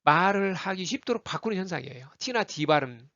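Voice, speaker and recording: A man's voice: sits high, a little fast, dry recording, dull audio. A man teaching English pronunciation in a spoken lesson, repeating example words over and over and coaching listeners to try them. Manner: animated, repeats example words many times for the listener to copy.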